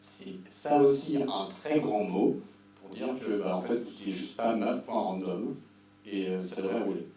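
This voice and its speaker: A man's voice: fairly low pitch, normal speed, mellow. A man giving an informal technical presentation as a conference speaker, casual and wry with dry-humoured asides. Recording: roomy echo, distant mic, faint hum.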